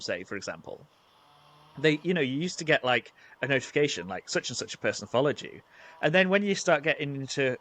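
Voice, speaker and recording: A man hosts a podcast, chatting casually in a rambling, self-deprecating way with plenty of fillers. His voice is a little high and a bit bright.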